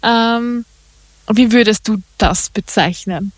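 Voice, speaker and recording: Woman radio presenter, friendly interviewer, slightly high voice, dry close mic. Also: takes it slowly, no room sound. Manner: friendly, asks questions with fillers.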